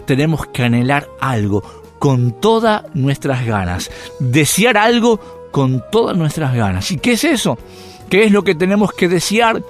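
A man giving a radio devotional sermon, asking rhetorical questions and letting his voice rise and drop. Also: on the high side. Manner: rhetorical questions, animated rises and drops. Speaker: radio preacher.

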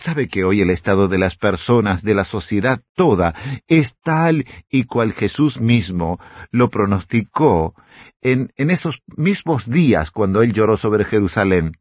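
A man's voice: fairly low pitch, expressive, measured pace, husky, dry recording, muffled recording. A man preaching a radio sermon as a pastor, speaking earnestly and addressing the listener directly as a friend.

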